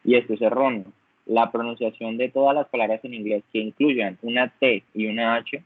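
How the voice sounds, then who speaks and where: A man's voice: mid-range voice, no echo. A man teaching an English lesson online, patiently explaining step by step and checking in constantly. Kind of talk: online class lecture. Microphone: computer mic on a video call. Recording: dry, phone-like online call audio.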